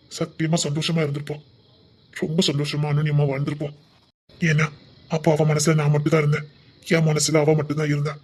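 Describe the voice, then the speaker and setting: A man's voice: fairly high pitch, natural voice. A man voicing a pushy, devoted young suitor, murmuring half-whispered in an amateur audio drama.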